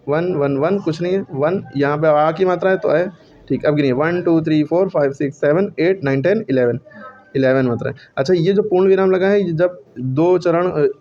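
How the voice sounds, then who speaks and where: A man's voice: a little high, darkish tone, dull audio. A male teacher giving a classroom lesson on Hindi verse meter, counting syllables aloud and correcting himself as he goes.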